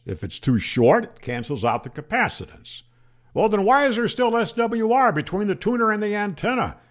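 An older ham radio educator from Florida debunks antenna myths to camera in a matter-of-fact tone, posing rhetorical questions to himself. He speaks into a boom-arm studio microphone in a small room, and his voice is a bit bright.

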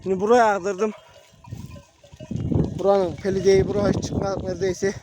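A young man with a voice hoarse from a cold, chatting casually to viewers from a mountain pasture. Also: high-pitched, a little mellow, a little hiss or hum. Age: young adult. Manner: talks to viewers as friends, calls to his animals. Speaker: shepherd vlogger. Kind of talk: casual vlog narration outdoors. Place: mountain pasture outdoors, wind.

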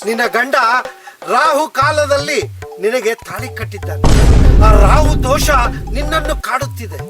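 Man with a North Karnataka Kannada accent, very high voice, solemn comic godman, music under the dialogue. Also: expressive, moderate pace. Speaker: fake godman in a comedy skit. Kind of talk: scripted comedy sketch acting. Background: background music.

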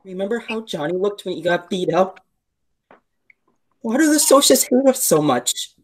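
A woman's voice: medium pitch, very animated, moderate pace. A woman playing a sensitive, thoughtful teenage greaser boy in a school play, with an earnest, reflective delivery. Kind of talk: school play read remotely.

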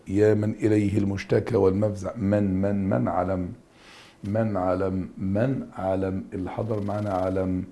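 A man's voice: fairly low pitch, creaky, warm tone. A man with an Egyptian Arabic accent teaching a recorded grammar review lesson. He drills answers through emphatic repetition and addresses students familiarly.

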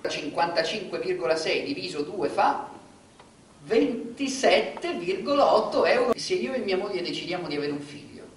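An actor playing a naively elated, hard-up wage earner in a theatrical monologue, counting aloud with drawn-out exclamations. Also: male voice, high voice, sing-song. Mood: anxious reckoning. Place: dark theatre stage. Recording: echoey theatre, far mic, faint noise.

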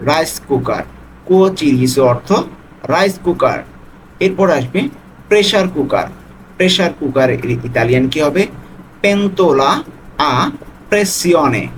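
A man tutoring a vocabulary lesson, repeating each word slowly and patiently. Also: fairly high pitch, slight background noise, rough recording. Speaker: language tutor.

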